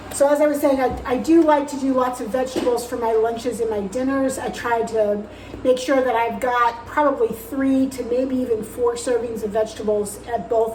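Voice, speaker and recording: Casual female vlogger, slightly high voice, rambling home-kitchen chat with a faint hiss behind. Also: rough recording. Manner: chatty, loose with frequent ums.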